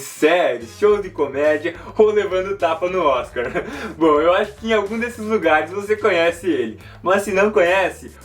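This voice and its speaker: A Brazilian English teacher talks through a video lesson in a slightly high voice, slowing down to model the words. Soft guitar music plays behind him. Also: male voice. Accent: Brazilian Portuguese. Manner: clear, slows down to model words.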